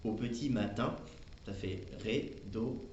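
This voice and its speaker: A man giving a patient, step-by-step guitar lesson, explaining slowly with chatty fillers. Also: on the low side, darkish tone, reverberant, muffled recording, a little hiss or hum. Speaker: guitar teacher. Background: his own acoustic guitar playing.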